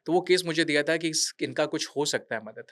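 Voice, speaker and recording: Slightly fast and a little high, with a bit of brightness, this thirties-aged podcast guest from a veterans' charity shares a true story earnestly, mixing English words into the conversational interview. The studio sound is clean, with no room sound.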